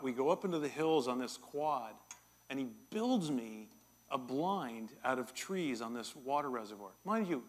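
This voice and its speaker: Middle-aged male pastor, lively sermon storyteller, self-mocking, slightly high voice. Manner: animated, self-deprecating storyteller. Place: church.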